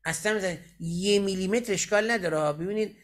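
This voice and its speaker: Teacher, male, high-pitched voice, patient step-by-step explainer who keeps checking in with his class. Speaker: Quran recitation teacher. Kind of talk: lecturing in a recitation class.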